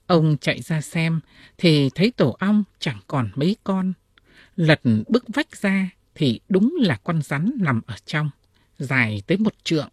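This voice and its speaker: A woman reading classic ghost tales aloud in an expressive, dramatic storytelling style. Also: deep voice, breathy edge, dry recording, clean studio sound. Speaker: audiobook reader.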